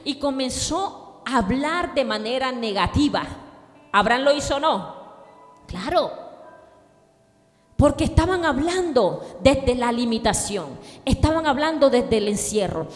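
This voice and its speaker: High-voiced woman pastor preaching fervently. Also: sing-song, a little slow, big-room sound, faint music behind. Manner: fervent preaching, rising to shouts, call and response. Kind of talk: sermon.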